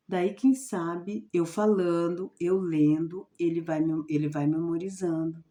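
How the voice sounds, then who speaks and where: A woman teacher explaining her reading lesson plan for a student, often checking in with a quick question. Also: fairly low pitch, fairly even intonation, mellow. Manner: repetitive, checks in with "certo?". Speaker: special education teacher.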